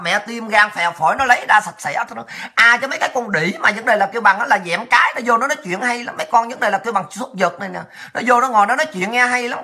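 A woman's voice: fairly high pitch, sharp tone. A woman with a Southern Vietnamese accent, ranting angrily on a livestream with crude insults and heavy profanity. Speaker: livestream commentator. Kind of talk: angry political rant.

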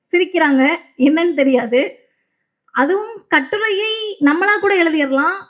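Very high-voiced woman giving a speech. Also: a bit bright, rough recording. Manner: impassioned, emphatic oratory with repetitions. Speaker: public speaker. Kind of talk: stage speech.

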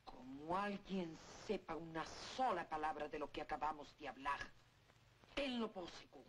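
An actress playing a cold, imperious housekeeper who interrogates with menace, in an old gothic horror film. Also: female voice, low-pitched, lively intonation, normal speed. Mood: cold threat. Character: menacing, suspicious German-titled housekeeper, cold and threatening. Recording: slightly noisy old film soundtrack.

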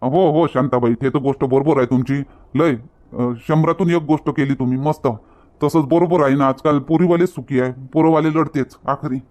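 An actor with a Varhadi Marathi accent playing a calm village headman who placates two quarrelling women. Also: a little high, normal speed, natural voice. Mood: placating. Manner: soothing, placating. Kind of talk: village comedy skit.

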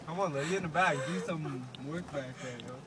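A woman's voice: sits low, fairly quick. A woman chatting casually in a moving car. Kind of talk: casual chat. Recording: loud car and wind noise.

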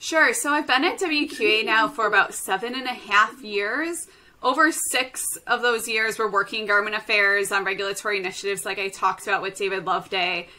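A woman's voice: medium pitch, fairly quick, pushed and bright. A woman with a Chicago accent, a podcast guest answering in a friendly, conversational way with frequent fillers. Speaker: guest from an industry association. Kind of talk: interview answers.

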